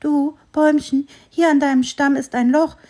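A woman's voice: sits high, steady tone, moderate pace, dark tone, voice pushed up, close to an everyday voice. A woman voicing a grumpy little squirrel who complains fussily, for a children's story. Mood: eager. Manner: fussy, complaining, exclaiming. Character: grumpy little squirrel, cross and easily upset.

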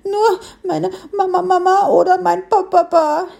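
A woman's voice: very high voice, steady tone, a little slow, vocal fry, dark tone, voice pushed up, heavily acted. A woman voicing a small, tearful boar piglet who stammers and sobs as it talks. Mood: sobbing. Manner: sobbing, stammering.

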